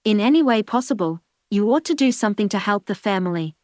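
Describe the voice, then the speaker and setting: Narrator putting on a soft, peaceful aunt, much higher voice, storybook figure. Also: male voice, moderate pace, dry recording, clean studio sound, natural voice. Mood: pleading. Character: gentle peacemaking aunt, adult woman.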